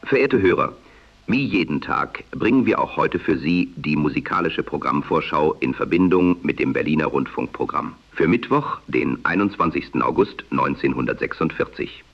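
A man announcing a programme formally and with measured delivery in 1940s AM radio style, with an old radio sound. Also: rumbling low, expressive, creaky. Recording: dull band-limited old radio sound. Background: music.

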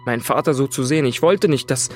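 A man's voice: mid-range voice, quick pace, a little mellow, soft background music. A man narrating first-person memories in a reflective, subdued way.

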